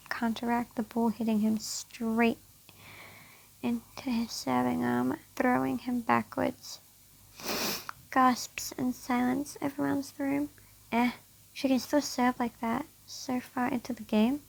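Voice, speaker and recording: Woman, sore throat, higher voice, gravelly fry, fan fiction read aloud, restarts phrases. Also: darkish tone, poor audio. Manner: stumbles and rereads phrases while reading. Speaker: YouTuber reading fan fiction.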